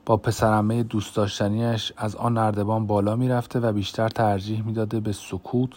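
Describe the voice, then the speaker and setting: A man narrating an audiobook in a measured, grave reading voice. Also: fairly low pitch, little pitch movement, darkish tone.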